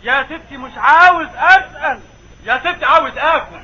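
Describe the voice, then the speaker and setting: A man's voice: very high-pitched, brisk, heavy background noise. A man playing a weary, hungry husband in a vintage radio comedy, meek and pleading, on a dull old recording. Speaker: actor in comedy sketch.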